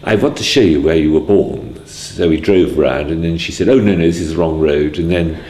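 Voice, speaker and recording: A man in his sixties from Wales, recalling his early life in a hesitant way, with many pauses and restarts. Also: a bass voice, mellow, reverberant. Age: 60s. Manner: hesitant, full of ums and restarts. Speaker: interviewee. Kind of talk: casual spoken memoir.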